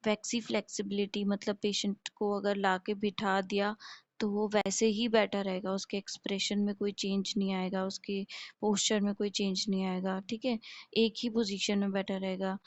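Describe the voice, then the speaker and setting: In a dull lo-fi recording with no echo, a nursing lecturer teaches a class at a moderate pace in a level, mid-range voice. She works through the material step by step, answers her own questions, and checks in with her listeners.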